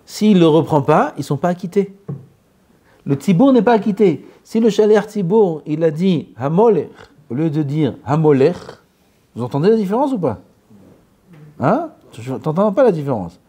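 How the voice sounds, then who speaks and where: A man giving a lively religious lesson, asking the class questions and drilling how words are pronounced. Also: on the high side, moderate pace, husky. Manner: animated, asks questions and drills pronunciation. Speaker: rabbi teaching.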